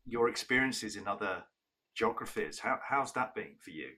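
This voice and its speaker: Male co-host, lowish, tense husky tone, keen interviewer. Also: expressive, normal speed, pushed and bright. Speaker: podcast host. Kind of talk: casual discussion.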